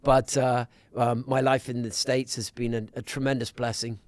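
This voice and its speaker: A middle-aged man from Scotland, a podcast guest talking in a measured way with many restarts. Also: medium pitch, flat delivery, a little mellow, no room sound. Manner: measured, with frequent restarts and fillers. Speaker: guest, business council president. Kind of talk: conversational podcast interview.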